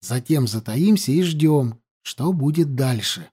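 A man voicing a young male scout who lays out a plan in a hushed, steady, matter-of-fact way, read as an audiobook. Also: medium pitch, slow, slightly rough. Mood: calm planning. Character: young male scout, planning quietly and calmly. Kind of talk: audiobook reading.

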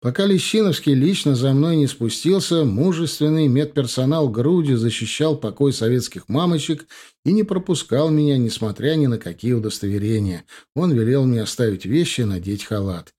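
A man narrating an audiobook in the first person, in brisk storytelling. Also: mid-range voice, expressive, mellow.

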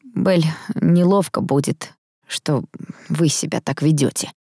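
A woman voicing an elderly grandmother who talks quietly and slowly in an audiobook. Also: sits low, slightly rough, no room sound, studio quality, heavily acted. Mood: hushed. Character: grumbling elderly grandmother, weary and calm. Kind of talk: audiobook character voice.

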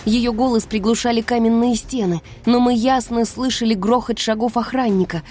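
A woman narrating a fantasy audiobook in the first person, in a tense, hushed storytelling manner. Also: fairly high pitch, fairly even intonation, normal speed, soft background music. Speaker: audiobook reader.

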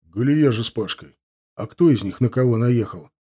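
A man voicing a stern father with a short temper, pressing hard with his questions. The voice sits at an ordinary middle pitch and stays close to the reader's own. He sounds exasperated rather than loud. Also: lively intonation, normal speed, breathy edge. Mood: irritated. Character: stern middle-aged father, quick to anger.

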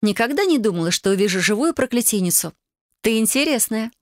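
Brash, hot-tempered witch, teasing and a bit higher, read by a woman. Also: lively intonation, no echo, clean studio sound, lightly acted. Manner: teasing, breezy, quick to yell. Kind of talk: audiobook character voice.

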